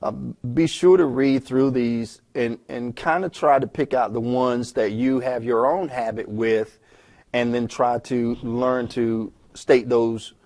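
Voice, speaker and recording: A man talking fast and conversationally as he records a lecture walking through a textbook chapter, with frequent restarts. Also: medium pitch, darkish tone. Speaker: instructor. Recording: self-recorded lecture audio.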